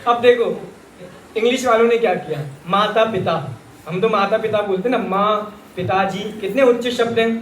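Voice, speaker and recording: Recorded in an echoey hall with faint ambience and a little hiss or hum, a Rajasthani man speaks at a moderate pace in a high voice. He teaches Jain scripture to a live audience, joking and chatting and frequently addressing them as brother.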